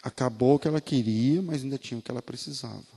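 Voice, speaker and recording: A male pastor with a Brazilian Portuguese accent, preaching a sermon that asks the listeners questions and swings from quiet talk to shouting. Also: medium pitch, quick pace, creaky, breathy edge, big-room sound.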